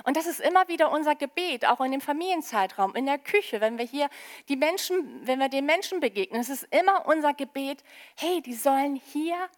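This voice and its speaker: A woman preaching a sermon to her congregation in a lively, conversational way, with casual asides. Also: high voice, fairly quick.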